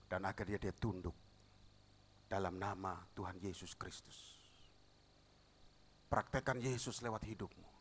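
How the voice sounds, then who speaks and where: A middle-aged man preaching a sermon as pastor, telling stories and acting out the dialogue, with shouted peaks. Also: deep voice, unhurried, long pauses, slight background noise. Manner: animated storytelling, acts out dialogue, shouts at climaxes.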